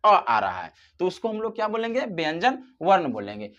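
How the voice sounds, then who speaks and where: Lively-pitched teacher quizzing aloud. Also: a little fast, muffled recording. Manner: asks questions and answers them itself, drawing out example sounds. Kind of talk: classroom-style grammar lesson.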